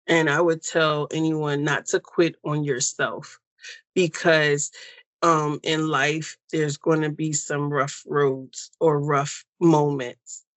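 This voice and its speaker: An American woman as an interview guest, speaking in a reflective, unhurried way with many pauses and fillers over a video call. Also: sits low, level tone, no room sound. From United States. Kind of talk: personal story interview.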